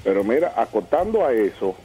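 Fast-talking man telling a radio anecdote. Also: on the low side, slightly rough, faint music behind. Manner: fast animated storytelling with acted quotes.

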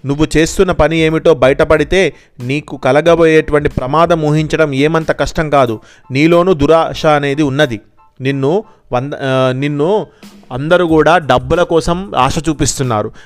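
A man voicing a bold, money-minded young fisherman in a children's storybook tale, in a smooth, clear voice. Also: a little high, fairly even intonation, moderate pace, soft background music, lightly acted.

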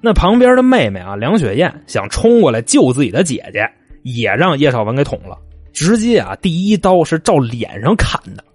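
A man's voice: fairly high pitch, big pitch swings, normal speed, husky, dry recording, faint music behind. A man telling a true crime story in a chatty, folksy way, with asides to the listener. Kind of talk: colloquial spoken crime storytelling.

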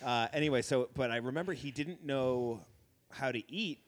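A man's voice: mid-range voice, normal speed. A man hosting a podcast in casual chat who drops dry, joking asides. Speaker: podcast host.

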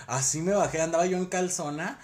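Brief: Mexican man, high voice, foul-mouthed and teasing, casual chat. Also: brisk. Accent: Mexican Spanish. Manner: crude, teasing, profane banter.

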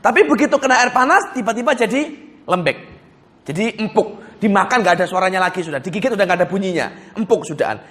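A male pastor delivering a sermon with an unusually high voice for a man. He tells it like a story, animated and conversational, with frequent light chuckles between his points. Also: fast.

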